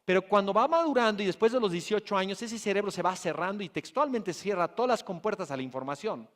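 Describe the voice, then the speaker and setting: A man's voice: sits high, fast. A man from Bolivia giving a motivational keynote talk at a business conference, telling stories and putting rhetorical questions to the audience. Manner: lively storytelling, addressing the audience with rhetorical questions. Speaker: conference speaker. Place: conference hall.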